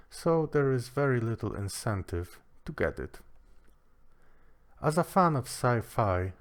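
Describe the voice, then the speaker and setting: A man giving a casual product review, with a dry, joking manner. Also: fairly low pitch.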